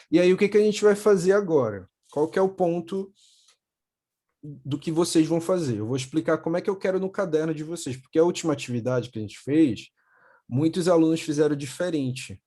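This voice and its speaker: A young man with a Brazilian accent teaching English to children in a video call, patiently repeating words slowly. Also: on the high side, warm tone. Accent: Brazilian Portuguese. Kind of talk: online class for children.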